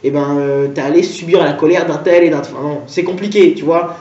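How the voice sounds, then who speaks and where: A man talks casually and rambles, circling back with hums and restarts. His pitch sits in a middle range. The sound is roomy and dull, like a lo-fi recording. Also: fairly even intonation, brisk, a little mellow, recorded from a distance. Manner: rambling, lots of fillers and restarts. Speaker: comedian. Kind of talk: casual talk to camera.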